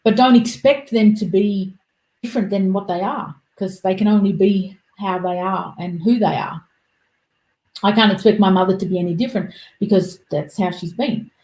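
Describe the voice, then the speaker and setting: A woman's voice: medium pitch, moderate pace, warm tone, echoey room, rough recording. A woman, chatting casually as a podcast guest and acting out quoted voices.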